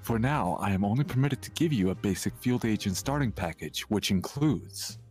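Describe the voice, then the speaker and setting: Game shopkeeper, flirty female agent, played by a man: sultry ASMR role-play, deep pitch. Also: expressive, moderate pace, darkish tone, natural voice. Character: flirty female agent running a weapons shop.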